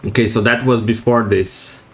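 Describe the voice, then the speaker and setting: A man's voice: on the low side, fairly even intonation, normal speed, poor audio. A man streaming a video game, chatting casually and reading in-game notes aloud, stumbling over words. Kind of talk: casual let's-play commentary.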